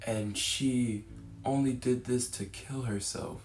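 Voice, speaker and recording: A man playing a lovesick, pleading gentleman suitor in an amateur comedy skit, declaiming earnestly. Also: mid-range voice, fairly even intonation, slow pace, lightly acted. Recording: echoey room, music underneath.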